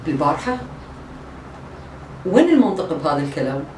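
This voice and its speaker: A woman's voice: sits low, big pitch swings, a little fast, a little mellow, recorded from a distance. A woman with an Iraqi accent playing an argumentative, indignant patient at a diet clinic in a comedy sketch. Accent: Iraqi Arabic. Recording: echoey room, voice from afar, faint hiss.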